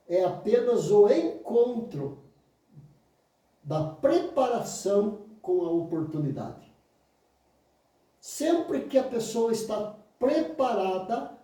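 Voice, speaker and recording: This Brazilian Portuguese-accented man in his fifties has a dark tone as he teaches oratory, mocking excuses in a raised pitch and rebutting them low and firm. His lecture is emphatic and motivational, recorded far from the mic in a very echoey space.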